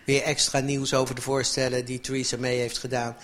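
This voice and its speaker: A man moderating a political panel debate, pausing often with filler sounds as he frames his questions. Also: medium pitch, level tone, a bit bright. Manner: hesitant, many filler sounds.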